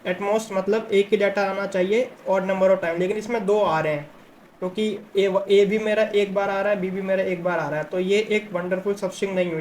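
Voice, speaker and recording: A man's voice: high-pitched, a little hiss or hum, poor audio. A man teaching a coding lesson, working through examples step by step and often checking in with the listener. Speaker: coding tutor.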